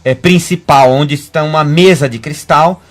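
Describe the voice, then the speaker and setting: A Brazilian man, a guest medium, talking fast in a rambling way with many restarts on a web radio show. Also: fairly high pitch. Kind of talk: casual radio talk.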